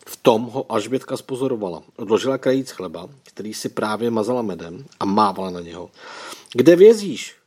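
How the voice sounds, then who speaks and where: A man narrating a children's adventure story in a calm, scripted reading. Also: few pauses, slightly rough. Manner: reads all characters himself, quotes lifted higher and louder. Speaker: audiobook narrator.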